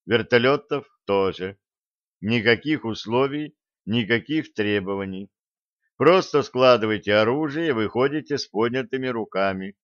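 A man voicing a weary male official negotiator who speaks in a flat, unchanging, dejected tone. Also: mid-range voice, dry recording, muffled recording, lightly acted. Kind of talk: audiobook character voice.

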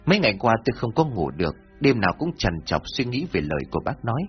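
A man voicing a humble, remorseful older village chief who speaks earnestly in a lowered husky voice, in a dull lo-fi recording with faint music behind. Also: very animated, fast talker. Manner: earnest, self-reproaching.

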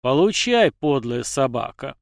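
A man voicing an enraged, menacing older tsar who hurls drawn-out insults. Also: mid-range voice, no echo, clean studio sound, lightly acted. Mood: raging. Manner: shouting, spitting abuse, drawn-out words.

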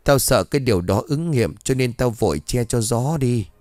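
Ghost-story reading: bossy old mistress of the house, sharp-tongued and scolding, as voiced by a man narrator, lively pitch, dry close sound. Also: normal speed, no room sound, lightly acted.

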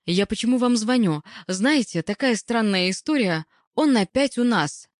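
A woman's voice: on the high side, expressive, moderate pace, no room sound, clean studio sound, pitched above the performer's own voice, lightly acted. Woman doing a timid young nurse on the phone. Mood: hesitant. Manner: hesitant, apologetic.

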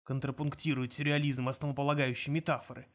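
A man voicing a cruel, pompous alien captain in an audiobook reading, speaking in a cold, measured way. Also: fairly high pitch, lightly acted. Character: pompous cruel alien captain who writes poetry, adult male.

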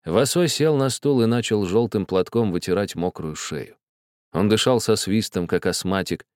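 A man narrating an audiobook in a measured literary reading. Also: fairly low pitch, a little mellow, no echo, clean studio sound. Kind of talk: scripted narration.

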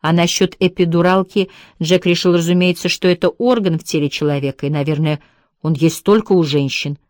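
Low-voiced woman reading an audiobook. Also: fairly even intonation, brisk, darkish tone, no echo, studio quality. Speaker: audiobook reader. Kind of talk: scripted narration.

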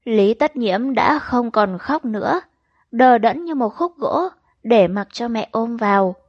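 A woman reading a crime novel aloud as an audiobook narrator, in an even, measured storytelling manner. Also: a little high, dry recording, dull audio. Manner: even, measured storytelling with quoted dialogue read in.

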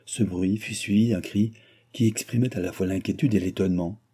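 A male audiobook narrator reads a classic novel in a measured, steady way. His voice sits fairly low, with a very dark and mellow tone and a husky grain. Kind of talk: literary audiobook reading.

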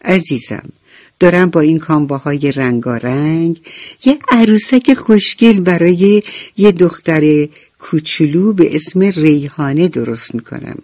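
Woman playing a gentle, kind nurse. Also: low-pitched, no room sound. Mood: tender. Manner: gentle, soothing. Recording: dull radio recording with faint music.

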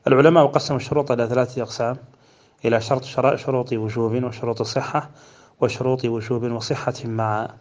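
A man's voice: mid-range voice, flat delivery, a little mellow. A man from Mauritania, teaching a religious lesson by explaining a poem line by line. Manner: slow measured chanting of verse, then brisk explanation. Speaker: Islamic scholar teaching a text.

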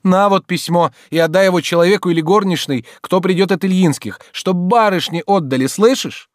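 A man voicing an irritable, idle gentleman in an audiobook reading, scolding loudly in a raised voice. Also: high voice, a little fast, no room sound, studio quality, voice pushed up, natural voice.

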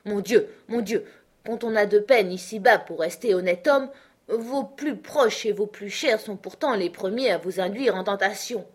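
Une lectrice qui prête sa voix à un oncle d'âge mûr, ironique, honnête et prompt à s'emporter. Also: female voice, mid-range voice, normal speed, slightly rough, lightly acted. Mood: exasperated. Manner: exclaiming, ironic. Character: excitable, principled middle-aged uncle, a man.

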